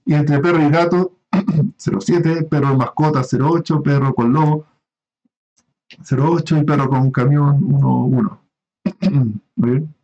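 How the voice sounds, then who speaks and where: A man's voice: fairly high pitch, fairly even intonation, unhurried, long pauses, dark tone, dull audio. A man giving a recorded online class, explaining step by step with frequent fillers and checking in with his students. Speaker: university lecturer.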